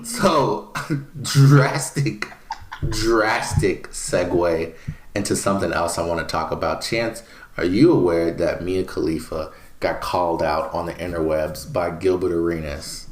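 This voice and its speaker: A man's voice: low voice, measured pace. A man co-hosting a casual podcast, telling stories animatedly and acting out what others said. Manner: animated storyteller, acts out quotes. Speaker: podcast co-host. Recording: echoey room.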